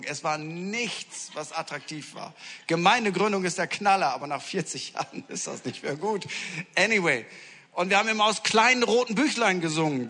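A man's voice: high-pitched, sharp tone, big-room sound. A male preacher giving a sermon, telling funny stories to his congregation. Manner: humorous anecdotal storytelling to a congregation.

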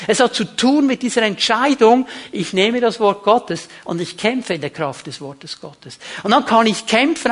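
A middle-aged man preaching a sermon, emphatic, dropping low and quiet, then rising loud. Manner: emphatic, swings between hushed and raised.

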